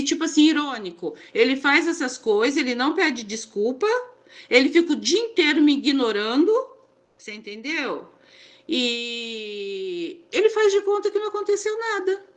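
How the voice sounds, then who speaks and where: A woman's voice: sits high, lively intonation, normal speed. A woman with a Brazilian Portuguese accent, a therapy group participant pouring out a personal account in a rambling, confiding way full of repeated fillers.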